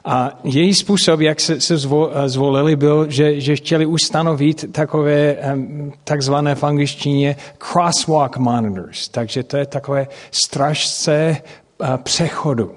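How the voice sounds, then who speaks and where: A middle-aged man, a native English speaker speaking with an English-speaking accent, preaches through personal stories, haltingly searching for words and making grammatical slips. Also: on the high side, steady tone. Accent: English-speaking accent in Czech. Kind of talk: sermon with personal storytelling. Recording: long hall reverb.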